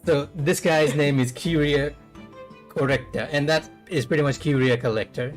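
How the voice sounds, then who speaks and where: Streamer, casual explanation, middle pitch, game music behind. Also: normal speed. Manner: relaxed, explanatory.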